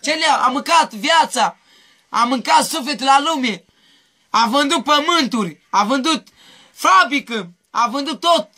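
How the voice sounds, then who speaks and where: High-voiced man pleading in circles. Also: expressive, sharp tone. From Mehedinți, Romania. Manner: rambling, repetitive pleading. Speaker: interviewee. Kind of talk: street interview.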